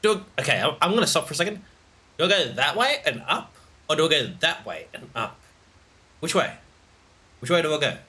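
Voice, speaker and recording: A man's voice: a little high, expressive, brisk, pauses often, sharp tone, slightly rough. A man giving let's play commentary, talking to himself as he plays, with frequent exclamations and laughter. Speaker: gaming channel host.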